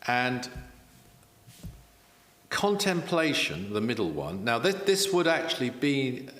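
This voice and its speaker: A man's voice: medium pitch, sing-song, slow pace, a bit bright, long reverb tail. A man, a spiritual teacher and author, explaining in an earnest interview style, repeating key phrases with self-deprecating asides.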